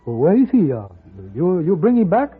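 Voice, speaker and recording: Hey Boy, high-pitched eager servant. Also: sing-song, normal speed, phone-quality sound, soft background music. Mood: eager, curious. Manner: broken English, eager questioning. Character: eager, deferential Chinese male hotel servant, curious. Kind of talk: 1950s radio Western acting. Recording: band-limited 1950s radio recording.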